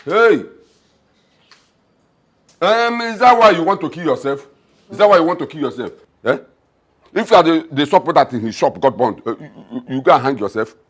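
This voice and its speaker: A man's voice: on the high side, animated, normal speed, pauses often, breathy edge. An actor with a Nigerian accent playing a scoffing, bossy middle-aged father in a film drama. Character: gruff scornful middle-aged father, mocking and domineering.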